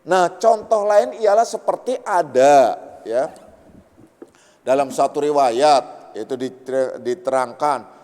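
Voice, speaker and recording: Man, sermon, casual storytelling, mellow tone, reverberant hall. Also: a little high, slow pace. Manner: colloquial storytelling, acts out characters. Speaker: religious teacher.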